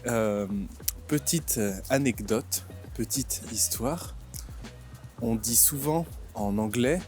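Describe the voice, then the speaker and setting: A man in his twenties from France, hosting a vlog and explaining things simply, with slow, clear speech that repeats and rephrases. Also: mid-range voice. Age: 20s. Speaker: vlog host and French teacher. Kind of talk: slow comprehensible-input vlog narration. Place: outdoors in a city.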